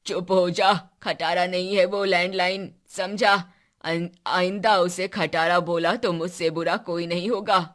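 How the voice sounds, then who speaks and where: Lady doing a slow soft old grandpa, ex-army, gets all sentimental, cartoon story. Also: fairly low pitch, fairly even intonation. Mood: stern. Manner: slow, fond, scolding then gentle. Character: elderly grandfather, former soldier, sentimental.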